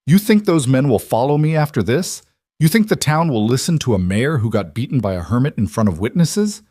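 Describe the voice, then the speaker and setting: Dude doing a bitter cornered mayor, desperate snarl, raised voice, no room echo. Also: male voice, lowish voice, animated, normal speed, a little mellow, clean studio sound, lightly acted. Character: desperate ruined middle-aged male mayor.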